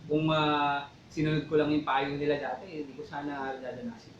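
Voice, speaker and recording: This co-host of a church talk show has a fairly high, slightly bright voice, yet his delivery is completely flat and a little fast. He talks about faith conversationally, slipping in preachy asides, frequently saying "di ba" and addressing listeners as "mga kapatid." The sound is roomy with cut-off highs and slight background noise.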